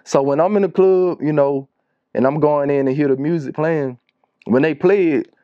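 A music producer in his thirties from Shreveport, Louisiana, sits as an interview guest in a small wood-panelled recording studio, chatting casually and telling stories in slangy talk with a Southern accent. His voice is fairly high and moves at normal speed. The recording is lo-fi with no room sound.

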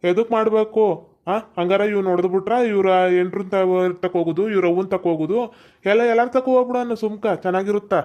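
A woman's voice: medium pitch, fairly even intonation, a little fast. A woman with a North Karnataka Kannada accent, scolding and pleading in a village skit. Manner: scolding, pleading, dialect-heavy. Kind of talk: scripted village comedy-drama. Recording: dull lo-fi sound.

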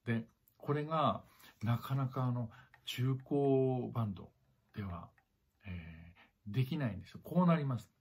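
A man's voice: medium pitch, normal speed, a little mellow, slightly rough. A man teaching clarinet in a spoken lesson, who repeats his points, talks straight to the listener, and sings rhythms aloud to show them. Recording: dull lo-fi recording.

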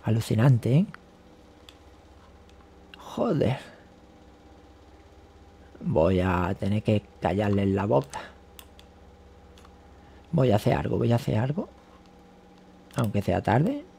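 Gravelly man, agitated vlogger. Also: fairly low pitch, very animated, slow pace, long pauses, mellow, a little hiss or hum. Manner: agitated, rambling, swears often. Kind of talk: casual monologue to camera.

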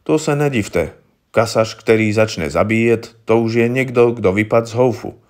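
A man reading aloud, voicing a shrewd older police inspector who speaks calmly with dry irony. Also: fairly low pitch, lightly acted. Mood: lecturing.

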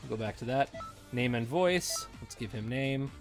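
A man's voice: mid-range voice, lively intonation, moderate pace, faint music behind. A man co-hosting a let's play, chatting casually and playfully while building a game character. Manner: enthusiastic, playful commentary on character creation. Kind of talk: casual gameplay chat on a live stream.

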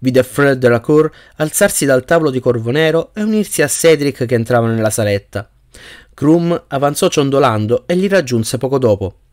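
A man narrating an audiobook in a steady reading voice, with the occasional slip that he corrects himself. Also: mid-range voice. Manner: reads steadily with small slips and self-corrections. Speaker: audiobook reader.

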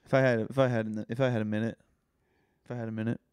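Young male co-host, middle-pitched, teasing and profane, dry close sound. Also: level tone, quick pace, darkish tone, smooth, no room sound. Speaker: podcast co-host. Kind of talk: casual chat.

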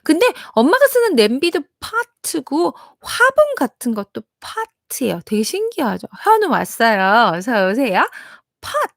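A woman's voice: high voice, big pitch swings, moderate pace, creaky, hardly any pauses, fairly bright tone, dry recording, clean studio sound. A young woman teaching children phonics, sounding out each letter in a sing-song, encouraging way.

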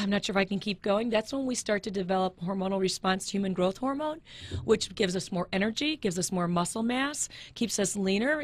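A woman's voice: mid-range voice, dry recording. A woman fitness trainer and author, a guest in a studio interview, talking in an upbeat, encouraging coaching way and laughing often.

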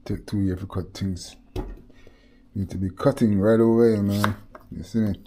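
A middle-aged Jamaican man, a cooking vlogger, chats casually and tells stories while cooking in his home kitchen, slipping into Patois with laid-back asides. His fairly low voice is steady at a moderate pace. A head-mounted camera records his hands-on cooking over a noisy background.

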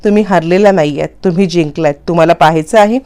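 Woman narrator reading a supportive, kind man comforting a friend; low, mellow tone. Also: quick pace, clean tone, natural voice. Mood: reassuring. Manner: gentle, reassuring.

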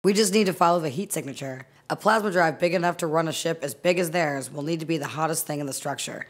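A woman playing a gravelly tough ship engineer. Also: quick pace. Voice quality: low, gravelly voice. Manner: crude, deadpan. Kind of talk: audio drama.

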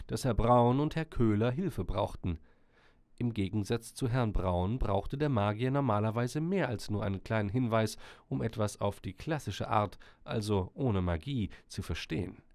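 A man narrating a storybook with gentle, expressive storytelling. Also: medium pitch, moderate pace, vocal fry, no echo.

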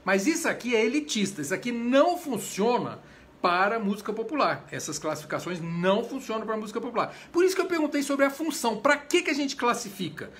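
A Brazilian conductor with a Brazilian Portuguese accent, giving a chatty, informal lecture on voice types. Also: male voice, extremely high pitch, quick pace, a little hiss or hum. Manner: animated, chatty, breaks into short sung examples. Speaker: conductor and voice teacher. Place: home during quarantine.

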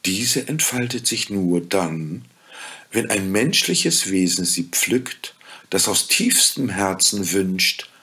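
Ein Mann spricht in einer Märchenlesung eine gütige Fee, leise, langsam und sanft. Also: male voice, deep voice, lively intonation, breathy edge, full character voice. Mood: gentle. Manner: soft, slow and quiet. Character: gentle kind fairy woman, calm and wise.

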